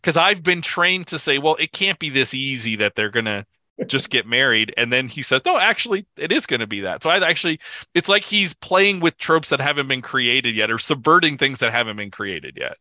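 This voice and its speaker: Male podcast co-host with a very bright, tense voice and a dry close sound, eager and animated. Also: mid-range voice, a little fast, dry recording. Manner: enthusiastic, animated retelling. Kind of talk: casual film discussion.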